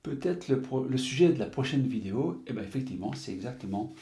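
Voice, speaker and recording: A man's voice: medium pitch, lively intonation, fast talker, warm tone, echoey room. A man presenting a video lesson on teaching writing to young pupils, hesitant, with many fillers, spelling words out letter by letter. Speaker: teacher trainer presenting a reading method.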